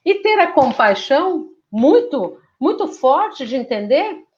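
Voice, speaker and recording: A woman's voice: sits high, very animated, slow. Lady giving a spiritual talk, chatty, keeps asking questions, kinda dull muffled audio. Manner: conversational, asks rhetorical questions. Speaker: spiritist speaker. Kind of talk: devotional talk.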